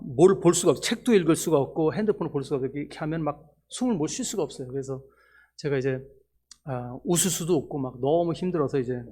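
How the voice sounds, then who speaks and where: A middle-aged man preaching in a church, giving a personal testimony that moves from soft, hushed prayer to loud, almost tearful excitement. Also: a little high. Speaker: missionary preacher. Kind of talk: sermon testimony.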